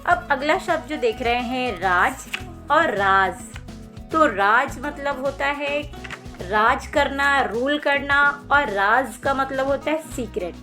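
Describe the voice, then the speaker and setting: High-voiced woman teaching pronunciation. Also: bright, forceful tone, faint music behind. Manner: patient, clear, slow enunciation of sounds. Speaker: language teacher. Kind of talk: explaining Hindi pronunciation to children.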